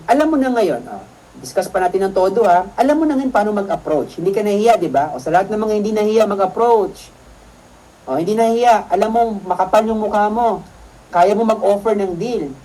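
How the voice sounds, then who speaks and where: A man's voice: high-pitched, animated, brisk, dark tone, rough recording. A man mentoring a seminar audience in a chatty motivational talk, often checking in with the room and laughing through his own stories. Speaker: network marketing mentor.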